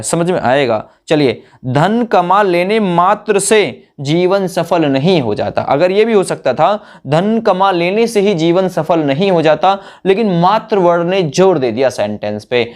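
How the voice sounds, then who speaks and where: Higher-voiced man teaching grammar patiently. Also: expressive. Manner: explains patiently, repeats points, asks "है ना" often; slows down to list words one by one. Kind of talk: online classroom lecture.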